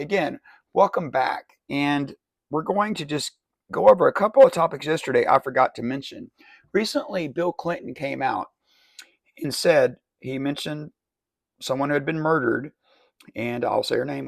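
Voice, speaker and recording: A man's voice: medium pitch, gravelly, dry recording. A man hosting a satirical mock interview, questioning in an indignant, exasperated way.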